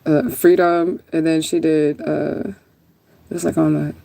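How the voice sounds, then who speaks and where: Answering viewers on a livestream, this woman rambles casually and is sometimes profane. Her low voice is gravelly and mellow, with little pitch movement and a measured pace.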